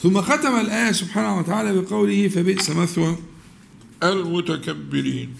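Egyptian male religious teacher, slightly high gravelly voice, faint background noise, questions the class and halts to find words. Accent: Egyptian Arabic. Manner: questions the audience, with many drawn-out pauses and restarts. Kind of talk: religious lesson, explaining scripture to students.

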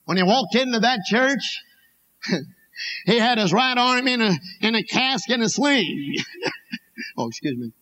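High-voiced Appalachian preacher man telling testimony. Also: expressive, a little slow, sharp tone. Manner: folksy, dramatic retelling with acted-out dialogue. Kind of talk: personal testimony sermon, animated storytelling. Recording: noticeable background noise.

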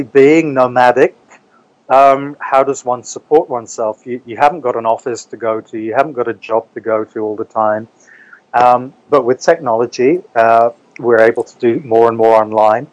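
A man's voice: medium pitch, moderate pace, a little mellow, dry recording, dull audio. A man from New Zealand talking casually as a guest in an interview. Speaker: interview guest, English teacher.

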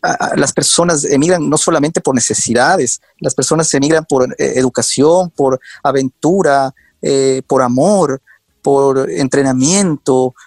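A documentary show maker guesting on an interview tells earnest stories conversationally, hesitating and restarting often. His mid-range voice has a darkish tone and measured pace, recorded without echo.

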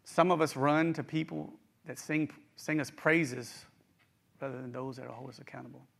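A man with a mid-range voice, level in tone, speaks at a moderate pace with vocal fry. He is a middle-aged preacher with a West Virginia accent, giving a folksy, conversational sermon directly to his listeners.

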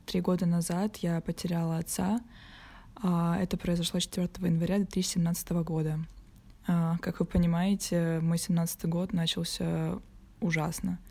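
A woman's voice: lowish voice, level tone, normal speed, creaky, dark tone. An eighteen-year-old woman from Russia, a guest on a podcast, speaking in a restrained, composed way. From Novorossiysk, Russia. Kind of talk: podcast talk.

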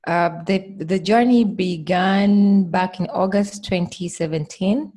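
A woman's voice: fairly low pitch, takes it slowly, dark tone. A woman, a guest explaining her work carefully with frequent fillers. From Tanzania. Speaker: guest, startup team member. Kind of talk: interview answers.

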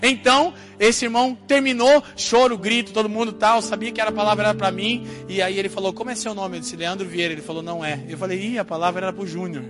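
A man from Brazil giving an animated sermon testimony, swinging from hushed asides to loud outbursts. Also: sits high, fast talker, hardly any pauses, faint music behind. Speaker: preacher telling his testimony.

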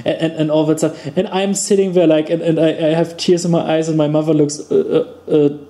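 A man's voice: fairly high pitch, flat delivery, brisk, warm tone. A young man from Germany chatting casually and enthusiastically in a film podcast, rambling with many restarts and fillers. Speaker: podcast co-host. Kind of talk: casual chat.

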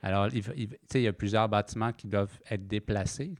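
A man hosts a relaxed podcast conversation, chiming in with facts and repeating words as he goes. His voice is on the low side. The sound is dry and close to the mic. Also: quick pace, no room sound. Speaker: podcast host. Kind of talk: casual podcast chat.

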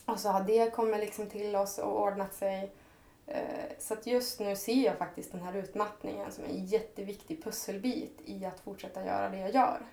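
A woman's voice: mid-range voice, gravelly, warm tone, reverberant. A woman talking as a podcast guest in a reflective, earnest way, her thoughts running on in long heartfelt sentences. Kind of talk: reflective personal conversation.

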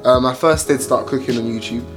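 Laid-back eighteen-year-old London lad. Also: male voice, mid-range voice, fairly even intonation, brisk. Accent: London English. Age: late teens. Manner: laid-back, agrees often, filler-heavy. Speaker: guest. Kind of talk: casual conversation. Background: faint background music.

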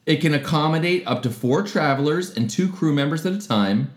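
A man's voice: fairly high pitch, animated, fairly quick, echoey room. A man co-hosting a comedy news podcast in casual chat, joking and sarcastic and laughing often. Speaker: podcast co-host.

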